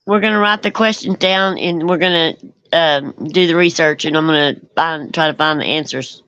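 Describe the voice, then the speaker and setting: A woman's voice: sits low, normal speed, a bit bright, smooth, no room sound, lo-fi sound. A woman co-hosting a casual livestream chat, rambling and laughing easily. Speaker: co-host.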